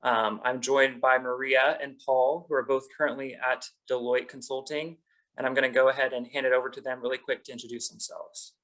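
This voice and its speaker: Man, career counselor, upbeat webinar host, mid-pitched voice. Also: level tone, brisk, fairly bright tone, rough recording. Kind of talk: webinar hosting. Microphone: video call.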